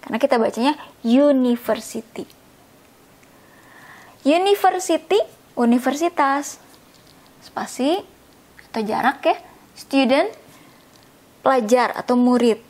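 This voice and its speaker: A woman's voice: sits high, animated, measured pace, long pauses, a little mellow. A woman teaching a language lesson, patiently explaining and repeating words, often checking in with a questioning "ya?". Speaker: English teacher.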